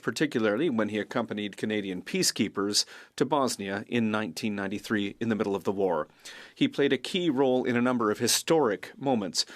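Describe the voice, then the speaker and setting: A man with a medium-pitched voice gives a formal parliamentary tribute in an interpreter's delivery. The sound is dry, with no room around it. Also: no echo.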